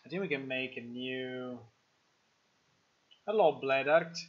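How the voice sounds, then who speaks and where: Chatting through a live coding session, an Italian game developer builds his game on stream, his accented, mid-range voice moving at an unhurried pace. He thinks aloud, often restarting and using fillers, and the audio comes through dull and lo-fi.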